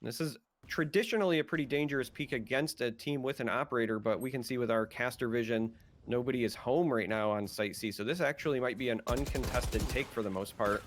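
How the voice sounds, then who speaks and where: A man's voice: mid-range voice, brisk, hardly any pauses, no echo. A man with an American Midwest accent giving play-by-play commentary as an esports caster, lifting his voice on big plays.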